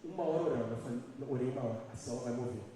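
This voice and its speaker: A man's voice: mid-range voice, very fast, mellow. A man preaching a live sermon as pastor, emphatic and questioning his congregation. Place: church hall. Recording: echoey hall from far off, music behind.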